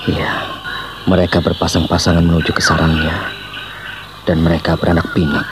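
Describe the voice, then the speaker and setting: Brief: male actor as a meek young man, deep and hesitant, low-key delivery. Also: completely flat delivery, normal speed, music in the background, lightly acted. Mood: brooding. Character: young man, quiet and yielding. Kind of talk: Indonesian radio drama acting.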